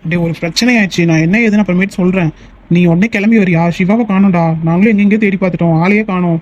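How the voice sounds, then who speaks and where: A man's voice: high voice, steady tone, quick pace, a little mellow, a little hiss or hum, close to an everyday voice. A man voicing a caring young man in a cartoon, reassuring a friend and urgently asking for help. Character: caring young man, older brother figure. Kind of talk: cartoon voice acting. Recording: dull lo-fi recording.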